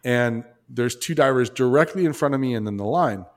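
A man, a podcast guest, telling a story in a casual, animated way, full of restarts and asides. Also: mid-range voice, a little fast.

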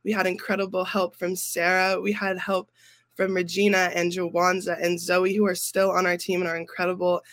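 A young man with a high, bright voice talks on a podcast, heard close and dry. He is effusive and emotional. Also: dry recording. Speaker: graduating student council member. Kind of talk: casual podcast chat.

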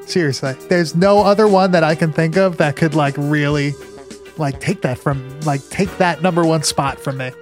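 A man's voice: fairly high pitch, normal speed, soft background music. A man chatting casually as a podcast co-host, emphatic and repetitive, with lots of slang and swearing. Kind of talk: casual chat about horror movies.

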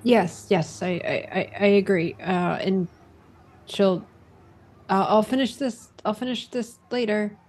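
Slow, husky woman gaming. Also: mid-range voice, steady tone, a little mellow. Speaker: tabletop game player. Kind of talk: casual game chat.

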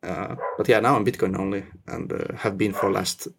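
Man, young, low pitch, creaky, casual, self-deprecating, restarts a lot. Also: fairly even intonation, a little fast, noisy background. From Russia, raised in Finland. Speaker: podcast guest. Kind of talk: casual interview chat.

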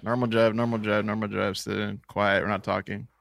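A man's voice: lowish voice, brisk, vocal fry. A man chatting casually in slangy, boisterous frat-bro banter, telling comic stories and acting out what people said. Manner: animated, acts out quotes. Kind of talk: casual group chat, comic storytelling.

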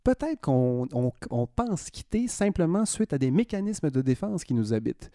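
A man with a Quebec French accent chats casually as a podcast columnist, playful and ironic, and he drifts into asides. His voice sits a little high with a warm, mellow tone, recorded dry and close. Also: big pitch swings, moderate pace, no echo. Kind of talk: casual chronicle chat.

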